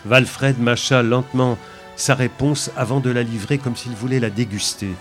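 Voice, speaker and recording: A man reads a story aloud at a measured, steady storytelling pace. His voice sits at an ordinary middle pitch, and soft music plays faintly behind the narration. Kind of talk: scripted audiobook narration.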